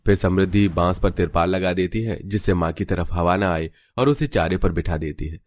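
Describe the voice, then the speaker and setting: A man narrating a cartoon story in a steady, scripted way. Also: sits low, normal speed.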